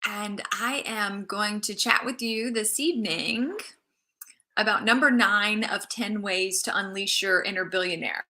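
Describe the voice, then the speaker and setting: A woman's voice: medium pitch, measured pace, bright, forceful tone. A woman hosting a casual live stream as a mindset coach, chatting loosely, restarting phrases and greeting viewers as they join. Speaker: livestream host and mindset coach.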